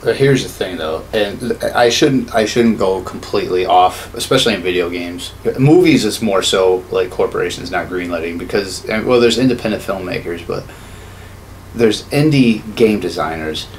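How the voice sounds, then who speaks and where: In a small indoor home studio, a thirty-something podcast co-host swears his way through a casual, opinionated rant about games and movies. He has a deep voice and a moderate pace, and the recording picks up clear room noise.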